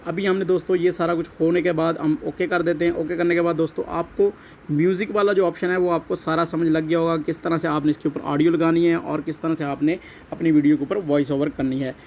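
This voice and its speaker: A tutorial host with a Pakistani accent walks viewers through an app step by step, calling them friends and repeating his explanations. His voice is on the high side, fast, gravelly and a little mellow, with a flat delivery. The voice-over was recorded alongside a phone screen capture, and the audio is dull and lo-fi with faint background noise.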